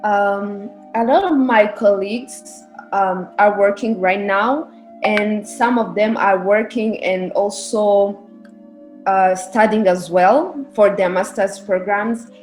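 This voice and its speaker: A young woman from Rwanda, a research specialist appearing as a podcast guest, gives earnest, lengthy casual interview answers explaining her views. Her medium-pitched, slightly mellow voice is fairly even and slow, with soft music in the background and echo from the room.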